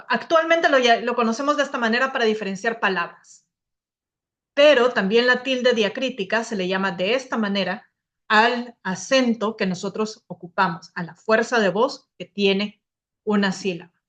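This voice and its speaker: A woman's voice: on the high side, fairly bright tone. A young woman teaching a spoken grammar lesson to a class, explaining patiently, often restarting her words.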